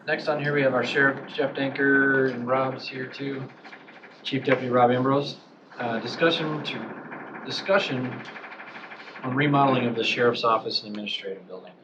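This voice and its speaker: A man chairing a county board meeting in a plain, procedural way, speaking through a face mask. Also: mid-range voice. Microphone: masked, speaking at a table mic. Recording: distant, dull, noisy, echoey meeting room.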